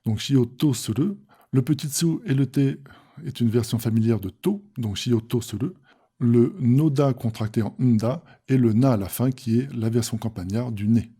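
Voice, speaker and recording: Mellow, husky-voiced male language teacher. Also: mid-range voice, moderate pace. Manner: reads Japanese lines aloud, then explains them; patient, methodical explaining. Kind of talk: explanatory lesson on manga text.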